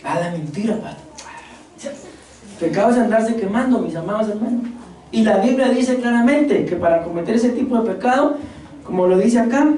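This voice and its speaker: A woman's voice: medium pitch, far from the mic, a little hiss or hum. Woman preaching in an echoey church hall. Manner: animated, addresses congregation as beloved brothers, quick rhetorical questions. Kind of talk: sermon.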